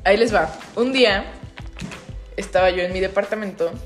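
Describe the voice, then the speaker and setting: A woman's voice: medium pitch, normal speed, soft background music. A young woman with a Mexican accent, co-hosting a podcast and telling stories in casual slangy chat, laughing often. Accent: Mexican Spanish. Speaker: podcast co-host.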